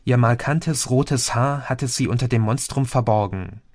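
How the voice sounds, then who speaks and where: A man reading an audiobook aloud in a steady, measured way. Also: mid-range voice, dry recording, clean studio sound. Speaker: audiobook reader. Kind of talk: scripted audiobook narration.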